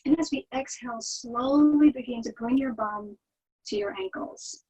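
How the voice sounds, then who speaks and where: A woman teaching yoga, guiding the poses in a soothing, gentle manner with a slightly husky, breathy voice. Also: a little high, moderate pace, lo-fi sound. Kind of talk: guided yoga instruction.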